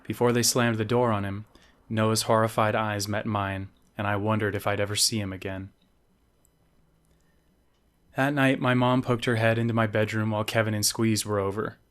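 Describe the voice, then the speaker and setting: A man, the author, reading his own novel aloud as measured scripted narration. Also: fairly low pitch, steady tone, fairly bright tone.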